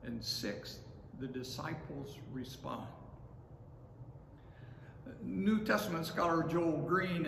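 A man in his sixties preaches in a slow, deliberate way from the pulpit of a large, empty sanctuary. His voice sits high for a man and carries a long, echoing reverb, with a faint room hum underneath. He is heard from a camera set some way back. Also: vocal fry, a bit bright. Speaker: pastor. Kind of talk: sermon. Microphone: far camera.

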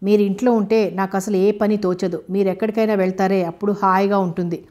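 A woman's voice: mid-range voice, steady tone, fairly quick, lightly acted. A woman reading as a teasing young wife. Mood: mock scolding. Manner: teasing, gently scolding.

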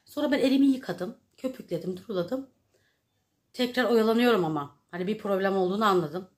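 A woman's voice: mid-range voice, quick pace. A woman in her thirties chatting to her viewers, retelling a day's events in a casual storytelling vlog. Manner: chatty, addresses viewers directly. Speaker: vlogger.

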